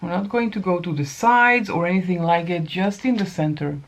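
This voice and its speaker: Gravelly-voiced woman in her fifties. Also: lowish voice, moderate pace. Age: 50s. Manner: chatty, talks to viewers while applying makeup, self-correcting. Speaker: makeup tutorial host. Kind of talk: casual makeup tutorial. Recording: dull lo-fi sound.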